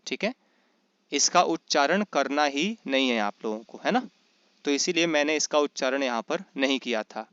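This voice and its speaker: Clear-voiced Sanskrit teacher, lo-fi audio. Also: male voice, medium pitch, animated, fairly bright tone, no echo. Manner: asks and answers his own questions, chants rules slowly; often checks in with "is that right?". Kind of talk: online class lecture. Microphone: computer mic in an online class.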